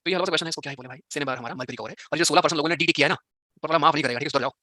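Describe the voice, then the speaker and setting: Male teacher, very fast speech, bright sharp voice, dry close sound, teasing and scolding. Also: on the high side, no room sound. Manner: teasing, scolds students by turns. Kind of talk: live online exam-prep class.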